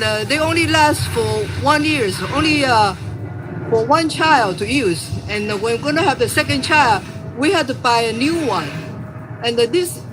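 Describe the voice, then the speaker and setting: Older woman, halting speech. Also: on the high side, poor audio. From Taiwan. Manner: halting, many fillers and restarts. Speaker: professional engineer speaking at a press event. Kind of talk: unscripted public remarks.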